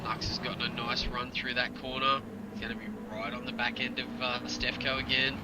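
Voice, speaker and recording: A man's voice: medium pitch, level tone, brisk. Male motorsport commentator over roaring engine noise. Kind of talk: live sim or club racing commentary. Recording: loud engine and vehicle noise behind. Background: loud car and vehicle noise.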